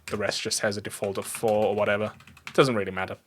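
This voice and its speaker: Coding live from an indoor computer desk, this German streamer keeps up easygoing, self-mocking chatter in his German accent. He talks quickly in a fairly low, level voice, and a little hiss or hum sits under the audio.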